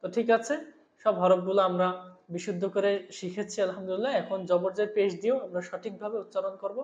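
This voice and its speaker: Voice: medium pitch, steady tone, fast talker, darkish tone. A teacher giving a step-by-step recitation lesson, patiently sounding out syllables for the listener to repeat. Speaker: Quran reading teacher. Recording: roomy, dull lo-fi sound with faint music.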